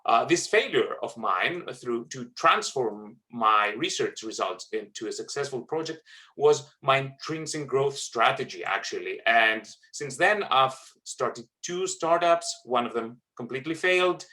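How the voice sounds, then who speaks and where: Bright-voiced man presenting a webinar. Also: mid-range voice, animated. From Greece. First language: Greek. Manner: earnest, halting with many fillers and restarts. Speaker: webinar trainer.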